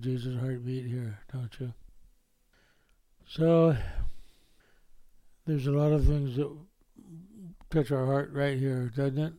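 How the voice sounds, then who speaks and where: A man's voice: medium pitch, dark tone, no echo. A man preaching a sermon in a folksy way, often ending points with tag questions. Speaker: pastor.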